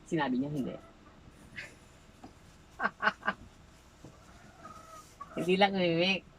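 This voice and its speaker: A woman's voice: fairly low pitch, takes it slowly, fairly bright tone, slight background noise, low-quality recording. A woman folk healer interrogating a spirit during an exorcism, insistently repeating short questions.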